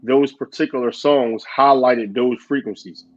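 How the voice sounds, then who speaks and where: A man talks casually and with animation. He laughs easily and acts out the quotes he tells. His middle-pitched voice comes through a muffled, lo-fi recording. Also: steady tone, a little slow. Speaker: podcast co-host. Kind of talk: casual chat. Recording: dull lo-fi audio.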